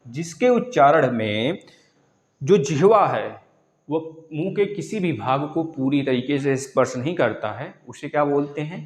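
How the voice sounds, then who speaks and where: A man's voice: fairly high pitch, lively intonation, a little slow. A male teacher giving an online exam-prep lesson, explaining step by step and repeating key terms for students to write down. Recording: echoey room.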